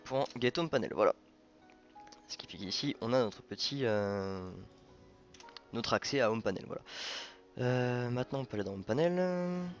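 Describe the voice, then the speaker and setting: A man's voice: mid-range voice, lively intonation, normal speed, pauses often, lo-fi sound, faint music behind. A man hosting a programming tutorial, thinking aloud informally with many fillers and self-corrections. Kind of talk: casual coding screencast narration.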